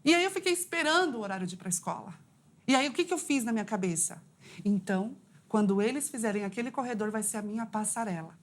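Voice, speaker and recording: A woman's voice: lively intonation, fast. A woman, a psychologist guest on a talk show, telling a personal story in an earnest, heartfelt way. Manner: heartfelt, earnest storytelling with rising pitch at climaxes.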